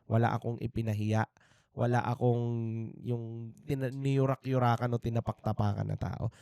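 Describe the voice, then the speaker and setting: A man's voice: mid-range voice, level tone, normal speed, gravelly, mellow, clear, resonant tone, no room sound, studio quality. A Filipino man in his thirties, co-hosting a podcast and sharing a candid faith testimony in an earnest, reflective way. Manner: earnest, reflective, with frequent restarts and fillers. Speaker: podcast co-host. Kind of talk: candid faith testimony, mixing Tagalog and English. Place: indoor podcast studio.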